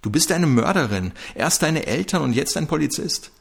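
A man voicing a furious, cornered young woman who shouts and sneers crudely. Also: fairly high pitch, lively intonation, moderate pace, gravelly, breathy edge, voice pushed up, heavily acted. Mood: shouting.

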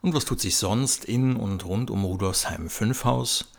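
A man's voice: on the low side, a little slow, creaky. A man with an Austrian accent giving scripted narration and local announcements. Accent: Austrian German.

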